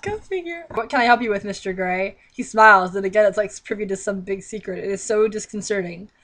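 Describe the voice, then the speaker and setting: A young adult woman with a fairly high, slightly bright voice reads a book aloud and mocks it. Her commentary is sarcastic, exasperated, and theatrical, recorded on a webcam in a small bedroom.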